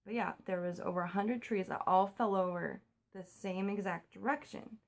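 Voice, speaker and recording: A woman's voice: mid-range voice, gravelly. A young woman from the US chatting in a casual home vlog, recorded on a phone while keeping her voice down at night. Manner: chatty, talks fast, keeps voice down. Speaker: vlogger.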